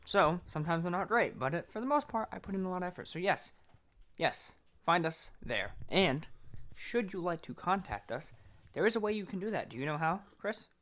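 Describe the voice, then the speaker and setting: This podcast co-host trades casual banter with friends in a crude, joking, sweary manner. His voice sits high and is fairly bright, with big pitch swings, and he talks at a normal speed.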